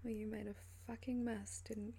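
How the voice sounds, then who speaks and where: A woman doing an ASMR role-play as a flirtatious, teasing lover, in a sultry, breathy and seductive voice. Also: a little high, little pitch movement, moderate pace, warm tone.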